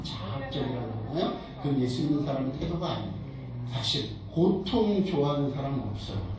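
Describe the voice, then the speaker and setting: A man's voice: on the high side, darkish tone, slight background noise. A man preaching to a nursing home chapel congregation, putting questions to them and rising to emphatic peaks. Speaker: pastor. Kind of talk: sermon. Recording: echoey chapel recorded from a distance.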